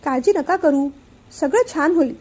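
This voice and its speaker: A woman voicing a gentle, reassuring young woman in a family storybook reading. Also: high-pitched, normal speed, lightly acted. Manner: soft, reassuring.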